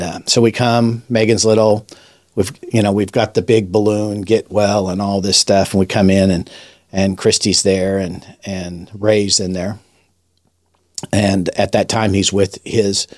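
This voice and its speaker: A man's voice: fairly low pitch, darkish tone, no room sound. Guy on a podcast telling a story about his dad, lots of uhs and restarts, dead dry sound. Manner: rambling, with many restarts and fillers. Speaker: podcast host and rabbi. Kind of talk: conversational storytelling testimony.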